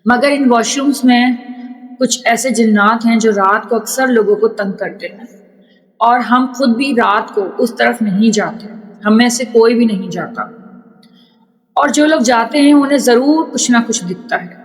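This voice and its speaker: Nervous night shift sweeper lady, woman reading, kinda high voice, echoey with music. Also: natural voice. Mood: pleading. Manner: pleading, secretive. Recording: long reverb with soft music.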